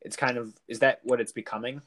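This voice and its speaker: Man co-host, average pitch, curious, hedging questions with restarts. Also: steady tone, fast talker, a bit bright. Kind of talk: casual podcast discussion.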